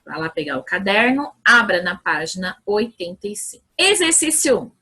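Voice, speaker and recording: A woman's voice: mid-range voice, sharp tone, slightly rough, poor audio. A woman teacher with a Brazilian Portuguese accent, giving a recorded video lesson to young children, patient and cheerful as she counts aloud. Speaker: primary school teacher.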